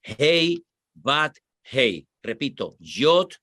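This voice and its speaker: A man's voice: mid-range voice, big pitch swings, extremely slow, pushed and bright, no room sound, studio quality. A man from Spain with a Spanish accent, a pastor explaining scripture and answering questions in a teaching tone, repeating his points for emphasis.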